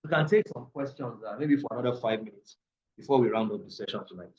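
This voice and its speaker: A man's voice: mid-range voice, quick pace, darkish tone, dull audio. Emphatic man teaching numerology. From Africa. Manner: emphatic, repeats key phrases, preacher-like. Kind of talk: live online class with audience questions.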